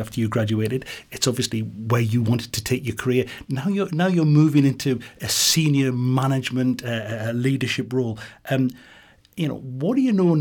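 Man asking long, rambling questions. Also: medium pitch. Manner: rambling questions with many restarts. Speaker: interviewer.

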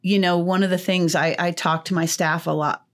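A woman with a lowish voice, guesting on a podcast. She explains how she guides her staff in a friendly, explanatory way. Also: fairly even intonation, moderate pace. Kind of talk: podcast conversation.

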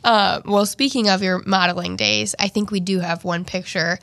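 A woman's voice: mid-range voice, fairly even intonation, moderate pace, gravelly, a bit bright, no room sound. A woman casually interviewing someone, asking questions in an informal conversational style.

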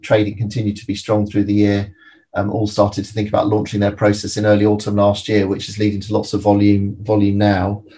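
A man speaking as an expert guest, giving measured, analytical answers in an interview. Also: fairly low pitch, darkish tone, low-quality recording. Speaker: private equity expert guest.

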